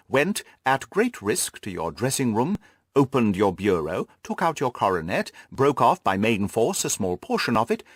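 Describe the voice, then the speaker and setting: In audiobook character acting, a man voices a composed storybook detective who is incisive and analytical. He questions precisely and emphatically, his pitch rising and falling a great deal. The recording is close and dry, with no room sound.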